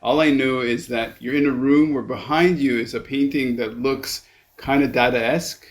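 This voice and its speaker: A man hosting a podcast in casual chat, halting and repeating words as he thinks. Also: medium pitch. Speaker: podcast host.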